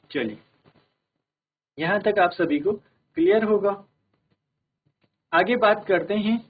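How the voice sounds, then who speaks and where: A male English teacher, giving a classroom grammar lesson in a steady manner and often checking that everyone follows. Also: sits high. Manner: steady, repeats "ठीक है" to check understanding. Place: broadcast studio classroom. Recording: tinny phone-like audio.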